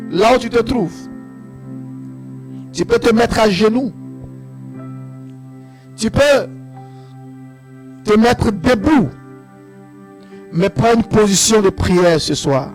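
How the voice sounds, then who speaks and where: Very high-voiced fervent prayer leader, man. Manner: fervent, pleading, at times shouted or half-sung. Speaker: pastor leading prayer. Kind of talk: call-and-response prayer.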